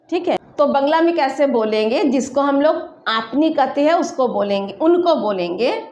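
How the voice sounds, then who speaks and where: A woman teaching an online language lesson, patiently explaining and slowly modeling example sentences. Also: high voice, darkish tone, roomy sound.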